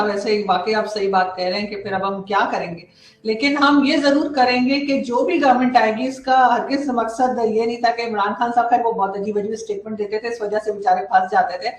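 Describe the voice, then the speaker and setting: A woman journalist argues her points earnestly and at a measured pace, her voice sitting a little high. She sounds set back from the mic in an echoey room. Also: recorded from a distance, a little hiss or hum. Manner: earnest, measured argument with fillers. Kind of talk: political talk show discussion.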